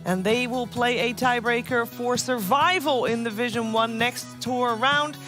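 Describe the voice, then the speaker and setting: A woman's voice: a little high, a little slow, over music. A woman hosting an esports analysis desk, guiding the talk from one analyst to the next.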